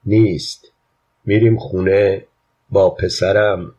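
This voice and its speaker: Guy reading a tired quiet dad mumbling to his kid like a lullaby, low husky voice. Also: little pitch movement. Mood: murmuring. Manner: murmuring softly to himself, like a lullaby. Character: weary quiet father holding his little son. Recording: dull lo-fi audiobook recording.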